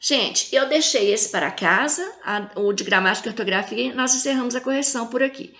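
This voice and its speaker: A woman with a Brazilian accent teaches children in a recorded video lesson. Her voice sits a little high, and she stretches out each example word slowly and clearly. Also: pushed and bright. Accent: Brazilian Portuguese. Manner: slow, drawn-out syllables when reading example words.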